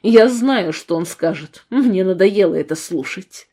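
A woman's voice: medium pitch, animated, a little slow, mellow. A woman reading the part of a resentful, hot-tempered young man who argues heatedly in a storybook reading. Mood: despairing. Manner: heated, argumentative.

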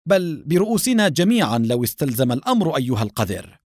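A man's voice: a little high, big pitch swings, quick pace, a little mellow, no echo, clean studio sound, voice pushed up. A man voicing a bold, cool-headed male captain who speaks firmly and with a confident, teasing edge.

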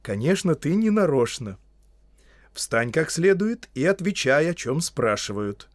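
Gandalf, a man playing a stern old wizard, commanding, loud and raised, gruff but kindly, storybook. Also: on the high side, big pitch swings, measured pace, no echo, studio quality, voice pushed up. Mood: calming.

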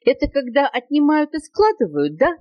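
A woman voicing a timid, gentle baby elephant in a storybook reading, speaking in a wondering, drawn-out way. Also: sits high, sing-song, muffled recording, pitched above the performer's own voice.

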